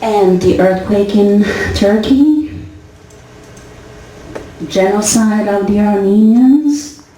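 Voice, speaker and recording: Slow, deliberate woman lecturing in a hall. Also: mid-range voice, dark tone. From Syria. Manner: deliberate, halting with fillers. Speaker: psychologist giving a lecture. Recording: echoey hall from far off, faint noise.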